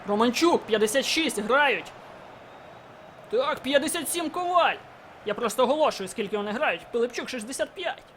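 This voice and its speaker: High-voiced excitable gamer man commentating. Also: normal speed, slight background noise. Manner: excitable, shouts at goals and chances. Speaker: gaming YouTuber. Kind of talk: live game commentary.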